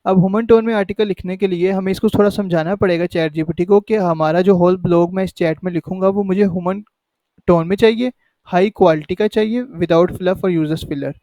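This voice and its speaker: Male tutor, high and mellow, dry close sound, chatty walkthrough. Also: steady tone, a little fast, no room sound. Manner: conversational, repeats "ठीक है" to check in. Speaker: tutorial host. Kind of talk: casual screen-recorded tutorial.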